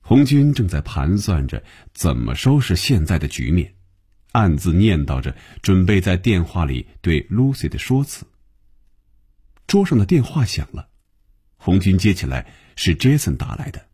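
A man narrating a novel as an audiobook reader, with expressive storytelling. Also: deep voice, unhurried, breathy edge. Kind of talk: novel reading.

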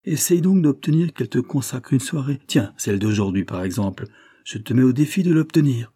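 A man reading as a cold, gray-mustached older gentleman. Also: medium pitch, animated, a little fast, breathy edge, no room sound, clean studio sound, pitched above the performer's own voice. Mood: challenging. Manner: cool, cutting, worldly-wise. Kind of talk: audiobook character reading.

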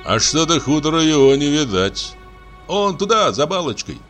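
A man's voice: on the high side, sing-song, moderate pace, a bit bright, pitched above the performer's own voice. A man voicing a young coachman who answers plainly and unhurriedly, over background music. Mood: easygoing.

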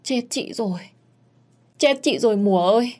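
A woman's voice: a little high, moderate pace, darkish tone, voice pushed up, lightly acted. A woman voicing a sobbing young maidservant. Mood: tearful pleading. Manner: sobbing, apologetic pleading.

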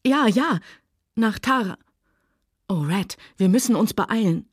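A woman reading a novel aloud, voicing a desperate, headstrong young Southern woman who pleads in a high, tearful voice that breaks into screams. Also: lively intonation, slow, husky, no echo, clean studio sound. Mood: pleading. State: tearful, hysterical.

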